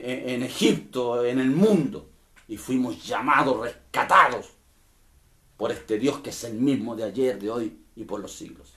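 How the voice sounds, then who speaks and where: A man preaching a sermon as pastor, swinging between emphatic bursts and quieter asides and often turning to question his listeners directly. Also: medium pitch.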